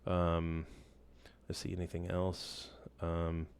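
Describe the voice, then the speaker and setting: Slow and low-pitched, a man with a clean tone teaches a software tool through a casual screen share. As the instructor, he keeps a relaxed manner, leaning on fillers and frequently restarting what he says.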